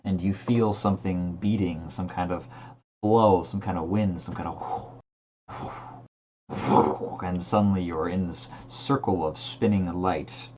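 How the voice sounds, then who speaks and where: A man's voice: low-pitched, fairly even intonation, unhurried, a little mellow, slight background noise. A man working as game master, narrating a fantasy tabletop game in an improvised, descriptive way.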